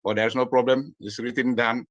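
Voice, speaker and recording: A man's voice: mid-range voice, flat delivery, normal speed, no echo, dull audio. Man, formal welcome, slightly rambling, dry sound. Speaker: community member welcoming guests. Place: Vienna, Austria.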